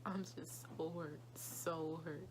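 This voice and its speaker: A young woman talking in a halting, quiet way, tearful and grieving, often repeating herself. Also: low voice, steady tone, noisy background. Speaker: vlogger. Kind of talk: emotional personal vlog.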